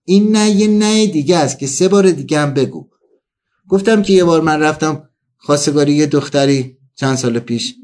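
A man delivering a comic storytelling monologue, acting out the people he quotes. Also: a little high. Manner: animated, acts out quoted dialogue.

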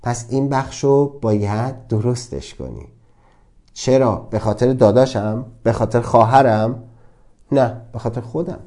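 A man giving a motivational self-help talk, emphatic and full of rhetorical questions, often dropping to a quieter voice. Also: medium pitch, expressive. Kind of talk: motivational lecture.

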